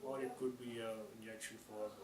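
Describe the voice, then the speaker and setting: A man's voice: mid-range voice, level tone, fairly quick, a loud crowd. Echoey distant recording, man, Indian accent, formal medical explainer, hesitant phrasing. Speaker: orthopedic surgeon. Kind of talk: explanatory medical talk to camera. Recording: echoey room, distant mic, clear noise.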